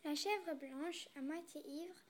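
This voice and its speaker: A woman reads a storybook aloud with an admiring lilt. Her voice is very high, with faint noise behind it. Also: slow pace. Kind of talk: storybook reading.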